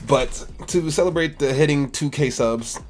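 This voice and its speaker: A gaming YouTuber in his twenties casually answers viewer questions about a mobile game to the camera, laid-back, rambling and slangy. His voice is fairly high and his pace moderate, with soft music in the background.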